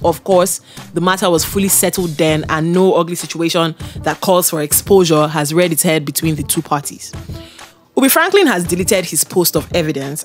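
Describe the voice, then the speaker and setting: A woman reads a scripted entertainment gossip segment in a slightly low voice. She weighs in with opinionated, conversational asides, with a soft music bed running underneath. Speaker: entertainment news presenter. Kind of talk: scripted celebrity gossip commentary.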